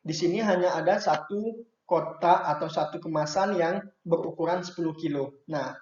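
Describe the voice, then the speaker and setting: A fairly high-voiced man patiently walks young children through a workbook lesson, pausing with small checks as he goes. The sound is roomy and echoey, with a dull, lo-fi edge. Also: a little mellow, a little hiss or hum. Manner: patient, adds "ya" and "nah" to checks and turns. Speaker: primary school teacher.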